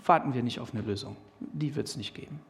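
A man with a German accent preaching a sermon, animated and emphatic, with restarts and fillers. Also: medium pitch, fairly quick.

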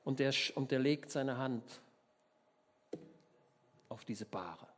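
A man from Germany preaches a sermon with an animated, conversational delivery, checking in with his listeners as he goes. He slips into the voices of the people in the story to bring it to life. His voice sits in a middle pitch. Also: slow pace. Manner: lively storytelling, acts out voices, asks the listeners questions.

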